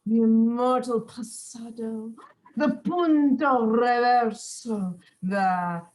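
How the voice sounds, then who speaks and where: In a Shakespeare stage reading, a woman takes on the role of a witty, mocking young nobleman, teasing her way theatrically through the verse. Her voice sits on the high side, a little mellow, and she speaks slowly on a rough recording.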